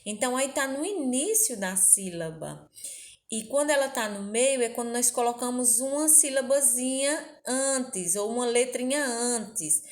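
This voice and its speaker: A woman teacher from Brazil walks small children through a recorded lesson. Her voice sits a little high. She speaks gently, with fond little words and frequent "right?" checks. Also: lively intonation, a little slow. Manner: gentle, uses diminutives and rhetorical questions. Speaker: primary school teacher.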